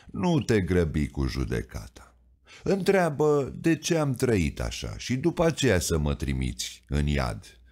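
A man's voice: low voice, wildly swooping pitch, a little mellow, full character voice. A man voicing a stubborn, plainspoken old coal miner who pleads his case with earnest defiance. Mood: defiant.

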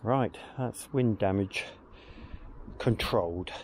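Working his allotment outdoors, an older man narrates each step of his gardening in a fairly low voice and slow, casual manner. The vlog audio comes from a camera mic on a tripod at a distance, with a noisy background.

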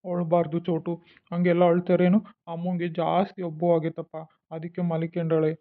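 A man's voice: fairly high pitch, monotone, moderate pace, lightly acted. A man voicing a young father in a cartoon, comforting his child patiently. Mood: soothing. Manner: soothing, patient. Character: caring young father, gentle and sad. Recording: tinny phone-like sound.

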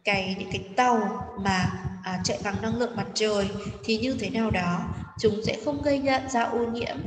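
Patiently walking students through a textbook exercise, a woman English teacher speaks in a mid-range voice, hesitating with fillers and frequently asking if they follow. It's recorded in an echoey room from a distant mic, with faint background noise.

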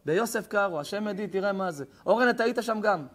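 A young man preaching an ethics sermon as a rabbi. His voice sits notably high, and he moves between fiery, shouted questions and soft, confiding stories. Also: lively intonation. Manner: impassioned, swings from shouting to hushed intimate tones.

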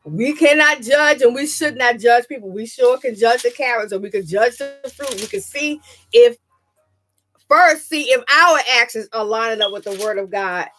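A woman's voice: a little high, animated, moderate pace, fairly bright tone. A woman pastor giving an earnest sermon with frequent amens, her throat slightly scratchy. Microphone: webcam. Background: music.

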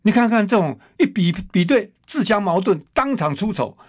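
A man rants through a radio commentary, his voice riding high and swinging widely in pitch. He scolds, mocks and piles up rhetorical questions, recorded close and dry in a studio. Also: lively intonation, normal speed, no room sound. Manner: combative, scolding, hurls insults and rhetorical questions. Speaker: radio talk show host. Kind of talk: political commentary monologue.

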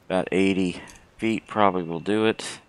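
A man with a slightly hoarse voice giving casual, unhurried, low-voiced commentary as host of a gaming video. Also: fairly even intonation. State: hoarse from throat trouble.

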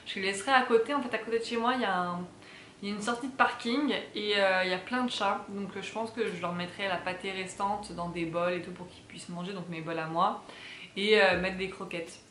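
A woman's voice: medium pitch, steady tone, a little fast, a bit bright, echoey room, a little hiss or hum. Chatty young French woman vlogging. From France. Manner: chatty, rambling with many fillers. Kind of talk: casual vlog chat. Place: apartment, indoors.

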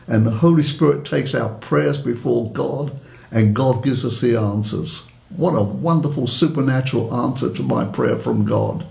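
A man's voice: medium pitch, vocal fry, a little mellow, reverberant, low-quality recording. A man in his eighties giving an earnest, heartfelt personal faith testimony. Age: 80s.

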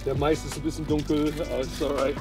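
A relaxed young man chats on an outdoor patio, his voice sitting a little high. He switches easily between German and English. Music plays underneath. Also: fast talker. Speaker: vlog host, football player. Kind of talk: casual chat.

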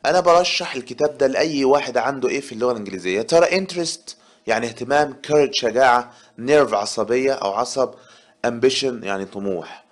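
An Egyptian man with a middle-pitched voice walks students through English vocabulary exercises. He reads example sentences slowly and carefully. Then he explains them in fast colloquial Arabic, asking his class one rhetorical question after another. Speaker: English teacher.

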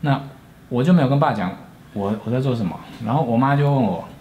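A man in his forties with a Taiwanese Mandarin accent tells a story from his own life. He speaks earnestly and reflectively in a mid-range voice, pausing and restarting as he recalls it. Faint noise sits behind him. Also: mid-range voice, lively intonation, dark tone. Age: 40s. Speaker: storyteller, channel host. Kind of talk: personal storytelling.

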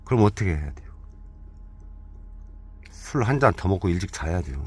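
Male dealer, low lively voice, jokey and chatty, explaining features inside a camper van. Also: normal speed, breathy edge. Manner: joking, chatty, walks through steps aloud. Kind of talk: casual hands-on product walkthrough.

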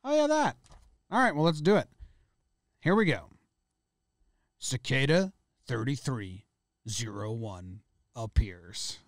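A man's voice: fairly high pitch, huge pitch swings, unhurried, long pauses, dry recording, clean studio sound. A man co-hosting a comedy history podcast, chatting jokily and reading notes aloud. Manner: jokey, self-deprecating, reads notes aloud. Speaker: podcast co-host.

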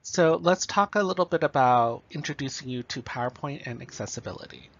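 A man's voice: medium pitch, fairly quick, dry recording, lo-fi sound. A man giving a recorded lecture, explaining step by step and checking in with the listener. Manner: explanatory, checks in with okay and right.

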